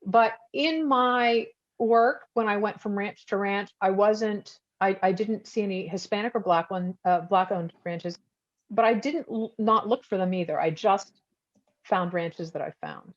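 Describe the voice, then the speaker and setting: A woman's voice: mid-range voice, unhurried. Woman from Texas, photographer-author, reflective and rambling, muffled video call sound. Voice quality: reflective, rambling with many restarts. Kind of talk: casual talk answering audience questions. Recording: dull lo-fi video call audio.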